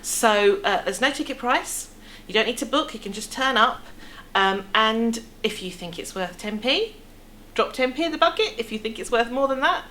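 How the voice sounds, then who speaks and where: Sitting in the café area of a theatre foyer, this middle-aged English theatre producer explains things chattily during a relaxed interview. She speaks at a moderate pace in a fairly high, expressive voice that sounds pushed and bright, with room noise clearly audible behind her.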